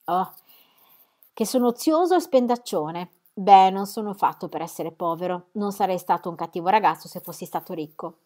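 An idle, proud young man who talks in an easy, slightly sulky way, read by a woman. The voice is low for a woman and kept near her natural reading tone. A storybook reading. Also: moderate pace, mellow, close to an everyday voice. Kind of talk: audiobook reading.

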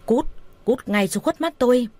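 A woman's voice: mid-range voice, animated, normal speed, a little mellow, husky. A woman voicing a greedy, violent young man who snaps harsh, scornful insults. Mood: furious.

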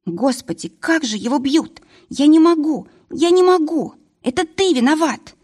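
A woman voicing a shrill, frantic young woman. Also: big pitch swings, a little slow, a little mellow. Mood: frantic pleading. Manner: shrill pleading cries.

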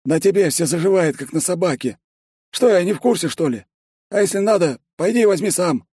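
A man's voice: sits high, lively intonation, a little fast, mellow, husky, no echo, clean studio sound, pitched above the performer's own voice. A man voicing a cheeky male half-pixie secretary in an audiobook, with a teasing, coaxing, nonchalant manner. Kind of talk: audiobook character voice.

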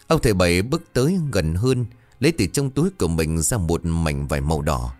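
Brief: male storyteller, low and lively, soft music underneath. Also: a little fast, dry recording. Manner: dramatic, expressive storytelling. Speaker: narrator. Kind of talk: scripted horror story narration.

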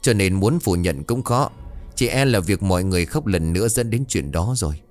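Guy doing a stern old ritual master in a ghost story, low voice, warns gravely. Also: expressive, moderate pace, darkish tone, faint music behind. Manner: solemn, warning.

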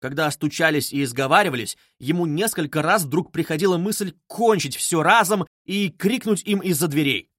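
A man narrating a classic novel aloud in a dramatic, expressive style. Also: a little high, normal speed, few pauses, no room sound, studio quality. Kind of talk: literary audiobook narration.

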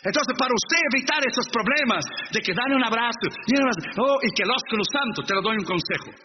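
High-voiced man preaching in echoey hall. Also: expressive, quick pace. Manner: emphatic, direct address to the congregation, sprinkles in English phrases. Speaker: pastor. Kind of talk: sermon. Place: church. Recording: echoey hall, dull lo-fi sound, noisy.

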